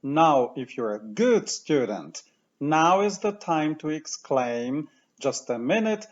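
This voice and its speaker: Slow, lively male language teacher. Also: mid-range voice, muffled recording. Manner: patient, repeats words for the listener to copy. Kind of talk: slow, clear pronunciation lesson.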